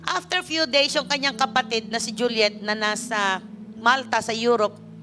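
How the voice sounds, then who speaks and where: A middle-aged woman from the Philippines, a pastor giving a sermon and telling a personal story, slipping English phrases into her talk. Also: on the high side. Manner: storytelling preacher, switching freely into English phrases. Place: church worship service.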